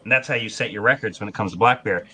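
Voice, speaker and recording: A man's voice: on the low side, very fast, sharp tone, husky. A man telling casual, folksy outdoor stories in a blunt, rambling anecdotal way. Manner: folksy hunting-yarn telling.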